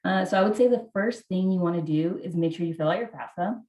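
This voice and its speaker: A woman's voice: lowish voice, fast, a little mellow. Woman, financial aid officer, helpful and patient, room echo on a video call. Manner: helpful, repeats key steps. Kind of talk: casual video-call Q&A answers.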